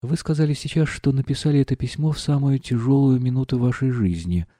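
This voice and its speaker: A male reader voicing a proud, impulsive young noblewoman in an audiobook, agitated and quick to flare up. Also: medium pitch, dark tone, no echo, studio quality, voice pushed up, natural voice. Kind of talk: audiobook reading.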